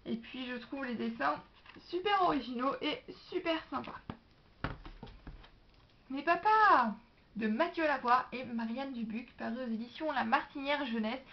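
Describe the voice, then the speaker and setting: A woman's voice: high voice, normal speed, slight background noise. A young woman with a French accent chatting enthusiastically about library books in a casual vlog. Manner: chatty and enthusiastic, lively asides. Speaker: book vlogger. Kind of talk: casual book haul vlog. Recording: dull, lo-fi home video sound.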